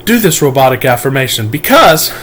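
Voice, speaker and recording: A man's voice: mid-range voice, big pitch swings, a little fast, a bit bright, a little hiss or hum. A man speaking as a manifestation coach, giving an emphatic, preachy motivational monologue to his viewers and often calling them "guys".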